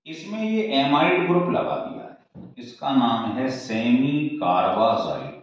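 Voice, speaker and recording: Male chemistry teacher, lively pitch, unhurried delivery; repeats steps and quizzes the class; distant, dull mic in an echoey room. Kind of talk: classroom lecture at a board.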